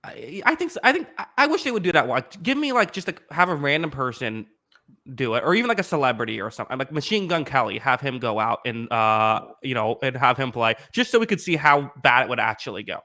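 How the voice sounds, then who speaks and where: Bright-voiced man hosting casual sports talk. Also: medium pitch, big pitch swings, quick pace. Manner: rambling, many fillers and restarts. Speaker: sports podcast host.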